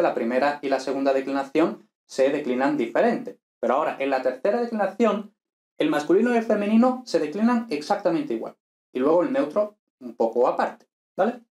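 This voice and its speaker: Guy teaching a lesson, kinda high voice, laid back, keeps checking in, echoey room. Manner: relaxed explaining with frequent "¿vale?" tags. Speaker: Latin teacher. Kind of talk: online lesson.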